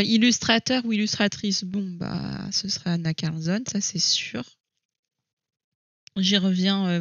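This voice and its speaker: A woman's voice: mid-range voice, no echo. Hesitant woman vlogger, dry dull sound. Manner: hesitant, thinking aloud with many fillers. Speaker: coloring hobby vlogger. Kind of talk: casual chat to camera. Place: at home.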